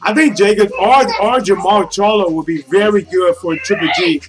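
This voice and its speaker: A man's voice: high-pitched, normal speed, low-quality recording. A man giving casual, off-the-cuff boxing commentary, talking colloquially and directly to his listeners as a streaming host.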